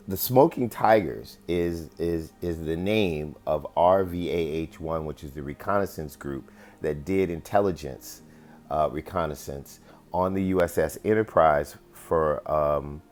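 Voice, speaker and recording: A man's voice: very deep voice, a little mellow. A man casually presenting his investigation to viewers, rambling with many fillers and often asking "right?". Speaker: amateur investigator presenting findings. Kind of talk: casual screen-share presentation.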